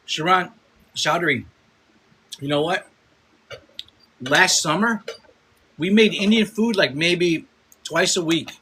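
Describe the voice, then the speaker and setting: A Chicago food streamer in his fifties talks from home into his phone in a high-pitched, pushed, bright voice, moving slowly with long pauses. He chats loosely, rambling, repeating things and swearing as he reads comments over slight background noise.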